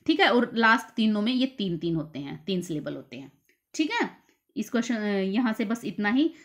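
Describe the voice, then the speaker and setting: A woman teacher explaining literature terms for an exam, slowly repeating key terms. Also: medium pitch, sing-song. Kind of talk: exam-prep lecture.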